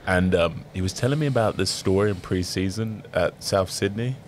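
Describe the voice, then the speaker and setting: Young co-host, deep-voiced, relaxed and chatty. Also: male voice, moderate pace, slight background noise. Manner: laid-back banter, slangy. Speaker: podcast co-host, rugby player. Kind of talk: casual chat.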